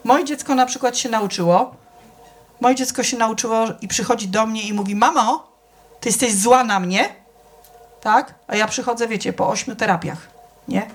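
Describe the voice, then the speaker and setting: A woman's voice: on the high side, normal speed. A middle-aged woman giving an informal sermon, chatty and conversational, often asking the audience if they follow and acting out the people she quotes. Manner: conversational, keeps checking with the audience; acts out quoted people with shifts in voice. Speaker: church speaker.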